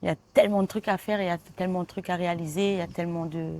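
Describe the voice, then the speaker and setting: A woman from La Réunion chats casually as an interview guest, thinking aloud as she goes. Her low, slightly mellow voice moves very fast with fairly even intonation, and a lisp makes her s sound slushy.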